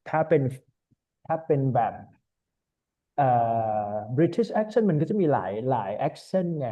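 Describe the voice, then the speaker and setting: This IELTS tutor has a slightly high voice and speaks slowly while teaching an online speaking class. His style is casual, with English words sprinkled through his Thai, and he's heard over an online call.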